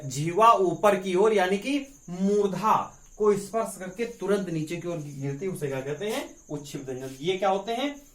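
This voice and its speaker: A male teacher giving an exam-prep grammar lesson, asking rhetorical questions and answering them himself as he drills the points. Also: high voice. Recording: echoey room with crickets outside.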